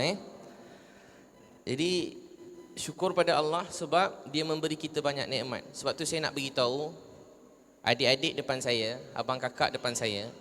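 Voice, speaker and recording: A man's voice: medium pitch, bright, forceful tone, big-room sound, a little hiss or hum. A man preaching to a live audience, telling stories and putting questions to his listeners. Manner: storytelling, addressing listeners directly with questions. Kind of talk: religious talk to a live audience.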